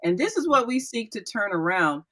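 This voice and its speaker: Woman hosting a radio talk show, bright voice, emphatic, says yes a lot. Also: on the high side, big pitch swings. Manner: emphatic, affirming, quickens at breaks. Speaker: radio host.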